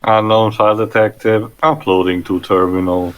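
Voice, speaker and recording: A robot booting up and running its system checks, as a man puts it on for a joke. He reads each status message in a flat, clipped computer manner and voices his own beeps and boops. The voice sits a little low. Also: moderate pace, lightly acted. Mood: mechanical. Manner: flat, clipped computer readout with spoken beep-boop noises. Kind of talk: joking voice-over while playing a game.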